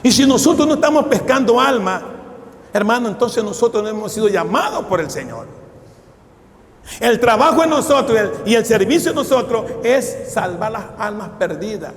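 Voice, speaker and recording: A man's voice: high-pitched, expressive, moderate pace, a little hiss or hum. A man, preaching a fervent sermon as a pastor and telling stories with quoted dialogue. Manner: fervent preaching, addresses listeners as brother. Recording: long hall reverb.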